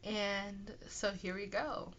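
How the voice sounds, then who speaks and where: A young woman talks casually in a nasal, congested voice, sounding sick. She rambles in an apologetic, self-deprecating way at a medium pitch. The home recording is dull and lo-fi. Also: level tone, slow pace, fairly bright tone, a little hiss or hum. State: sick with a stuffy nose. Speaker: podcast host and aspiring author. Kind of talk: casual solo chat answering listener questions.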